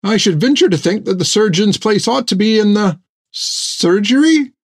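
Guy doing a jittery nerdy ship doctor, high and rushed, stammers. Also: animated, no room sound. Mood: timid. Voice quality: fussy, hurried, stammering. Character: timid fussy bookish ship's doctor, male.

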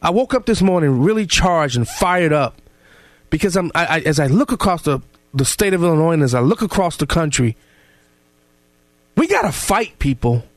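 A man's voice: fairly high pitch, expressive, fairly quick, no room sound. Fired-up male talk radio host. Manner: fired up, repeats words while building a point. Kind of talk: casual political talk radio.

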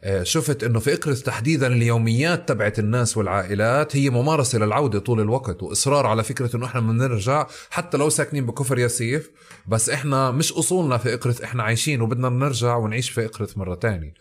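A man's voice: mid-range voice, racing. A man with a Palestinian Arabic accent hosting a casual conversational interview. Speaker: podcast host.

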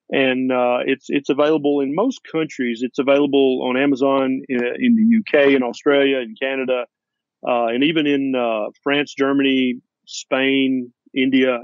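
A man's voice: medium pitch, dry recording, muffled recording. Blunt man with a Tennessee accent. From Tennessee, USA. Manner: blunt, folksy, emphatic. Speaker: doctor and author, interview guest. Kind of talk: conversational interview.

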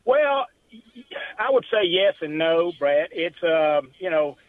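A man's voice: fairly high pitch, very animated, slow pace, no echo. A middle-aged man from South Carolina with a Southern accent, a guest on a radio show, talking in a friendly, folksy way with many fillers. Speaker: timber association president, guest. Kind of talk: casual radio interview. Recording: tinny phone line.

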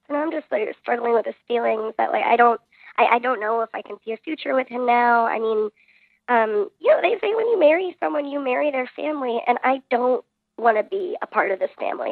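A woman in her thirties calls in to a radio show with her voice run through a voice changer, talking in a hesitant, halting way. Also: fairly high pitch, animated, vocal fry, no room sound. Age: 30s. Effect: voice changer disguising her voice. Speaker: caller. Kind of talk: radio call-in. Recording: tinny phone line.

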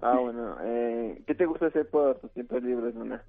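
A man's voice: medium pitch, moderate pace, soft background music. A man calling into a radio show, shy with brief answers. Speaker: caller, nurse. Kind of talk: phone call to radio show. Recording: tinny phone line, dry.

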